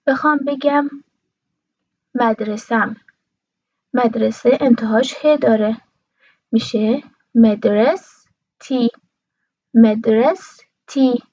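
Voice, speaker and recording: A woman giving a language lesson, saying each word slowly and repeating it twice for the listener. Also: fairly high pitch, husky, no echo, muffled recording. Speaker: Arabic teacher.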